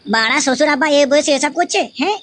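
A woman voicing a young, hot-tempered new son-in-law in an adult cartoon, ranting rapidly and swearing indignantly. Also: high voice, lively intonation, a bit bright. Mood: scheming.

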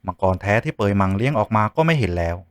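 A man voicing a calm, composed male official with a deep, measured voice. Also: no echo, lightly acted. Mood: solemn.

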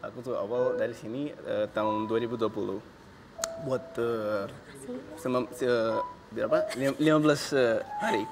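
A young man from Pakistan, a guest on a TV studio show, speaking haltingly and searching for his words in casual chat. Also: mid-range voice, fairly even intonation, noisy background. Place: large TV studio. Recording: loud studio music behind.

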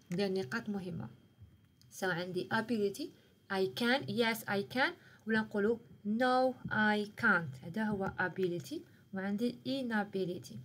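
A woman with an Algerian Arabic accent leads a live-streamed English revision lesson in a mid-range voice. She mixes Arabic, French and English words and keeps checking in with her students. A faint hiss sits under her voice. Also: mid-range voice. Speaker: English teacher.

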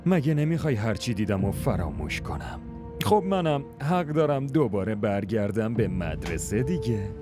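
A man's voice: fairly low pitch, sing-song, music in the background. A man dubbing a cocky, mocking young man in a drama series. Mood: smug. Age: young adult. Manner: smug, mocking. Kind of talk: Persian dub of a drama series.

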